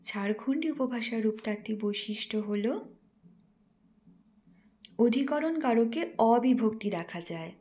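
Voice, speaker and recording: A teacher trainee from West Bengal, India, reads a lesson presentation aloud in a mellow, slightly high voice with lively intonation. She is careful and didactic, slowing down to spell out example words.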